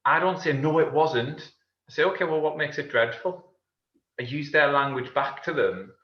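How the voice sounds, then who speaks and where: A man's voice: fairly high pitch, moderate pace. Man coach with a regional English accent, emphatic and down-to-earth, roomy and dull-sounding room. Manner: plain-spoken, emphatic, tells stories about his kids. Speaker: coach and public speaker. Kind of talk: casual panel discussion. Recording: roomy, dull remote audio.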